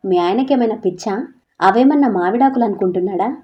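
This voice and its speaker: A woman's voice: medium pitch, a little fast, close to an everyday voice. A woman voicing a young woman's frank, caring best friend who speaks bluntly. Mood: concerned. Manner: blunt, concerned. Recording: slightly dull lo-fi audio.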